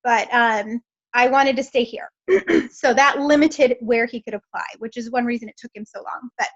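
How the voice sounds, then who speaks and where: Woman with a hoarse, smoky rasp and high pitch, sharing a personal story over dull online audio. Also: moderate pace, fairly bright tone. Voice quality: hoarse, smoke-roughened rasp. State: hoarse from smoke, often clearing her throat. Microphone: online group call. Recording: muffled lo-fi online call audio.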